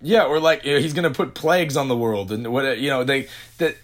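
A man co-hosting a casual faith podcast, rambling and restarting as he tells stories with animated retellings. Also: medium pitch, a little fast. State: hiccups. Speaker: podcast co-host.

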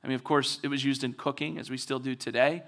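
Bright-voiced man preaching a sermon. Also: mid-range voice, flat delivery, quick pace. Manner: conversational preaching, acts out quoted voices with humor. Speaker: pastor.

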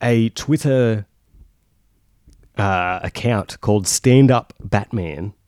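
A man's voice: fairly low pitch, slow pace, a little mellow, clear, resonant tone, no room sound, studio quality. A man co-hosting a podcast in casual chat, laughing often and trailing off mid-sentence. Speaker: podcast co-host.

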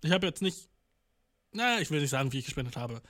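A man's voice: on the high side, big pitch swings, fast talker, a bit bright. A young man reacting casually to news, slangy and full of swearing and English filler words. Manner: mock voices for countries.

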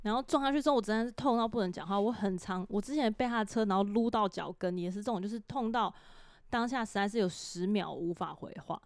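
A woman's voice: medium pitch, fast talker, no room sound, clean studio sound. A woman, co-hosting a casual chat and telling stories about her child. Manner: storytelling, acts out her child's and her own lines. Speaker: podcast co-host, mother.

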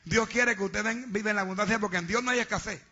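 A man preaches with fervor, calling out to the congregation and urging them on. His voice sits high and cuts through, sharp and bright. The recording is dull and lo-fi. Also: fast, husky. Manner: fervent, exhorting, preaching to a congregation. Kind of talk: sermon. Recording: dull lo-fi sound.

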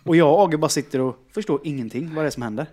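A man in a casual chat telling an anecdote, acting out what people said. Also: on the high side. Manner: animated storyteller who acts out quotes.

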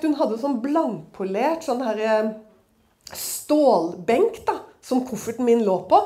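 A woman with a fairly high voice gives a personal testimony at church. She tells it as a dramatic, chatty story and keeps turning to her listeners with little fillers. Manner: lively and dramatic, with many conversational fillers. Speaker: church speaker.

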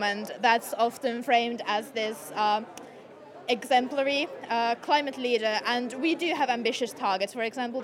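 Earnest young woman from Finland. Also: a little high. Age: young adult. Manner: earnest, thoughtful, with fillers. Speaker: scout, interviewee. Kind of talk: earnest interview answers. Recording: crowd chatter behind.

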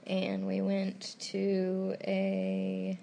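A young woman talks through her day in easygoing vlog chat, giggling and teasing as she goes. Her voice has a gravelly, fry-tinged edge over a faint hiss of background noise. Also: medium pitch, completely flat delivery, extremely slow, mellow. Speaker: travel vlogger. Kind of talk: casual chat.

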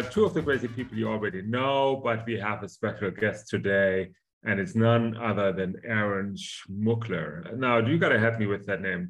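A man's voice: on the low side, fairly bright tone. A man hosting a podcast in a chatty, jokey way, laughing between lines. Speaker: podcast host.

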